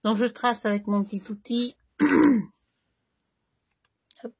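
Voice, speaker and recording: A woman hosting a crafting tutorial, chatting casually as she works, slightly hoarse and clearing her throat now and then. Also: medium pitch, little pitch movement. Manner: slow, chatty, talks to herself while working.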